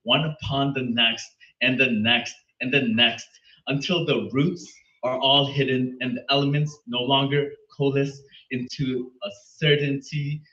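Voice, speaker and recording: A man reading a poem aloud at an open mic in an earnest, measured way. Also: mid-range voice, a bit bright. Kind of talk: poetry reading. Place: small venue. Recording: echoey room from far off, dull sound.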